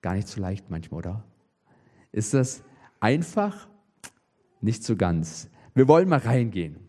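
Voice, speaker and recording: At a measured pace and in a voice on the low side, a preacher delivers his sermon with lively emphasis. He often throws rhetorical questions at the congregation.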